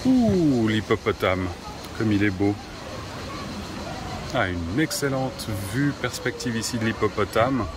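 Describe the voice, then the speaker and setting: A man, a teacher vlogging outdoors at a zoo in a slow, hesitant way with many pauses. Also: on the low side, big pitch swings, noisy background. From Switzerland. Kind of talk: casual vlog narration.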